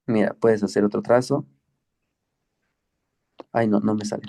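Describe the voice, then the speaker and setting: A man teaching the Greek alphabet in an online class, patient and slow, often checking with "¿ok?". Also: fairly low pitch, level tone, gravelly, mellow. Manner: patient, explains slowly with many checks like "¿ok?" and "¿sí?".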